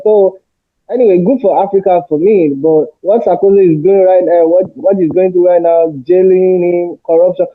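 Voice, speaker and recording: A man's voice: sits high, no room sound. A man speaking as a panel guest on a remote call, his voice muffled as if heard through a wall, hesitant with many fillers and restarts. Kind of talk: casual discussion. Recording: muffled, tinny call line.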